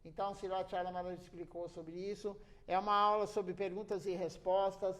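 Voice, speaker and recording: High-voiced earnest male preacher. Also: flat delivery, a little fast, a bit bright. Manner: earnest, repetitive emphasis. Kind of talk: sermon.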